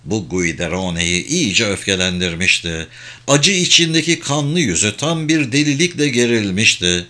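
A man reading a thriller novel aloud in a measured, dramatic narration. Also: lowish voice, sing-song, bright, forceful tone. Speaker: audiobook narrator. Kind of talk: scripted audiobook narration.

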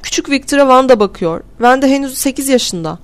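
A desperate young mother begs in a raised, strained voice, put on by a woman reading a story aloud. Her tone climbs high and stays pleading. It is an audiobook reading with one reader doing every part. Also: animated, a little fast.

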